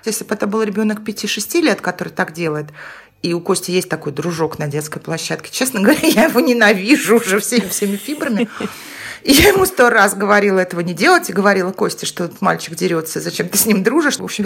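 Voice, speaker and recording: Woman, 40s, blunt co-host, quick, husky and gravelly. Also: mid-range voice. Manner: frank, blunt. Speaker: podcast co-host. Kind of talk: casual podcast chat.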